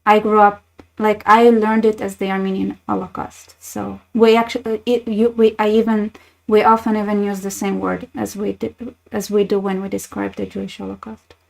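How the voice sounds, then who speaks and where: Woman hosting her channel, chatty and wry, kinda monotone, lots of restarts. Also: mid-range voice, moderate pace, vocal fry, rough recording. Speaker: channel host. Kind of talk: casual commentary reading posts.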